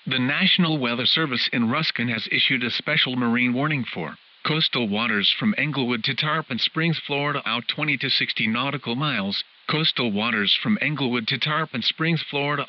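This is a man's text-to-speech voice, medium in pitch, reading a scripted emergency weather bulletin at normal speed with few pauses. His formal, clipped style suits a radio alert announcer, and the broadcast comes through muffled and hissy.

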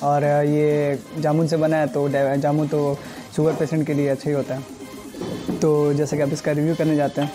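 Reviewing restaurant dishes casually, this young vlogger with a Bihari Hindi lilt chatters eagerly and leans on fillers to string his thoughts together. His slightly high voice stays completely flat at a normal speed. Music is clearly heard behind him.

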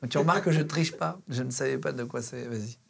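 A man hosting a casual chat, playful and quick to swear and laugh. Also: mid-range voice, creaky, heavy background noise. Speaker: host. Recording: loud accordion music behind.

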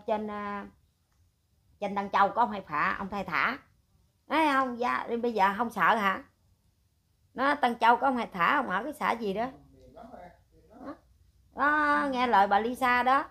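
An older woman, ranting at length in a rough, scolding way and firing rhetorical questions. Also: a little high, bright, forceful tone. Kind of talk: heated casual rant.

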